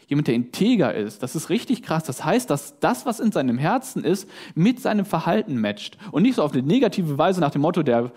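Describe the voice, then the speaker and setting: A man preaching a conversational sermon, often asking "ja?" and "ne?", and acting out short scenes in his examples. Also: fairly high pitch. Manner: lively, conversational, acts out voices in his examples; tag questions "ja?" and "ne?".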